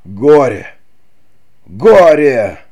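A man's voice: medium pitch, normal speed, mellow, close to an everyday voice. A man voicing an older, grief-stricken nobleman father in an audiobook, outraged and pleading. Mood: anguished. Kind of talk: audiobook character reading.

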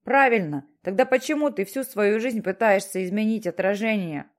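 A woman's voice: mid-range voice, normal speed, close to an everyday voice. A woman voicing a stern, mysterious voice from the sky that questions and lectures insistently.

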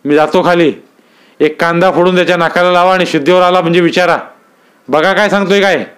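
A man voicing a domineering, brutal village strongman with harsh, bullying shouts, pitched well above his narrating voice. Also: fairly even intonation, a little fast, clean tone. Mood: menacing.

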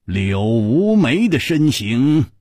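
Husky, expressive male storyteller. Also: mid-range voice, slow, no room sound, clean studio sound. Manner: dramatic, expressive narration. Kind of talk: traditional storytelling.

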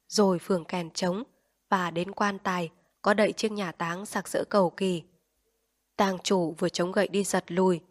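A woman narrating an audiobook in a calm, measured storytelling voice. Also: fairly low pitch, no room sound, studio quality. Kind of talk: audiobook reading.

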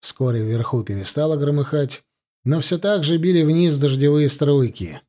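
A man narrating an audiobook in a measured storytelling manner. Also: on the high side, lively intonation, mellow. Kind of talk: scripted narration.

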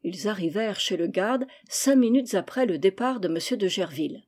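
Mellow woman reading a classic story. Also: mid-range voice, slightly rough. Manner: calm, measured storytelling. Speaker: narrator. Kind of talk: audiobook reading of a children's novel.

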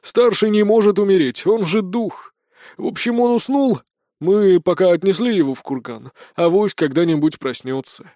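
A man's voice: high voice, normal speed, no echo, studio quality, pitched above the performer's own voice, close to an everyday voice. A man doing a boisterous, folksy dwarf miner. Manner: loud, folksy, boastful. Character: hearty male dwarf miner, boisterous and proud.

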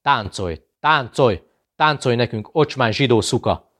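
A man voicing a cruel, mocking male SS officer who taunts and shouts in a raised voice. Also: low voice. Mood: shouting.

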